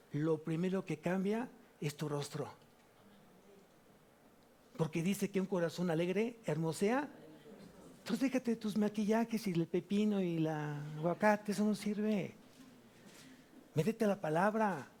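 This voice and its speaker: A man preaches a sermon in a high-pitched voice. He keeps asking questions and answering them himself, with lively stops and restarts. He speaks into a microphone in a church. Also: slight background noise. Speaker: pastor.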